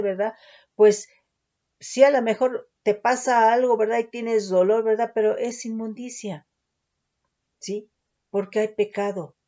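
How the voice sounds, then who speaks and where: A woman teaching the Bible slowly and carefully, who keeps checking in with her listeners with short questions. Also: medium pitch, dark tone. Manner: keeps asking ¿verdad? and ¿sí?. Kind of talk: slow Bible teaching with word studies. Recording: dull lo-fi recording.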